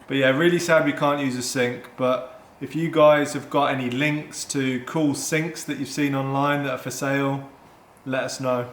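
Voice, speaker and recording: A man's voice: steady tone, measured pace. A man talking casually in a joking way while wearing a metal sink on his head, so his voice comes back hollow and echoey. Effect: hollow echo from talking with a metal sink over his head. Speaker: van-build vlogger. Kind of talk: casual vlog chat. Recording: echoey, boomy close sound.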